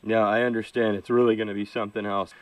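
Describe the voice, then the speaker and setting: A man's voice: on the low side, little pitch movement, fast, recorded from a distance, poor audio. A man hosting a radio show who introduces and questions a guest with upbeat DJ patter. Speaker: radio DJ host. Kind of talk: radio interview.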